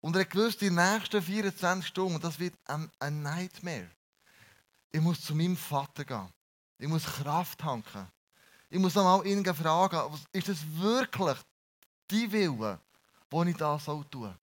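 A man's voice: fairly high pitch, expressive, normal speed, fairly bright tone. A man preaching a sermon in a blunt, colloquial way with slang.

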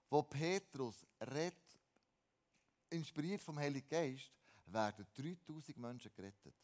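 A man preaching a sermon, animated, with repeated words and restarted phrases, swinging between emphatic lines and quiet ones. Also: on the high side.

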